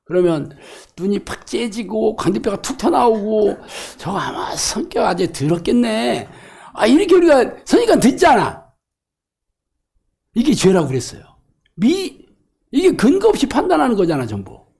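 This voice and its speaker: A middle-aged man preaching a lively, colloquial sermon as a pastor, acting out quoted voices and laughing along. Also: high voice, moderate pace, creaky, husky. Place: church or hall.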